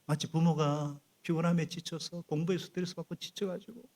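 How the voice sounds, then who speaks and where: A middle-aged male pastor preaching a sermon in a church, animated and prompting the congregation to repeat after him. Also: a little high, fairly quick. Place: church sanctuary.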